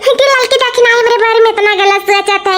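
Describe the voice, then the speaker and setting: Fast, pushed and bright, this very high, steady voice belongs to a performer portraying a young married woman in an Awadhi cartoon comedy. She cries over missing her brother and whines at length, rambling in self-pity.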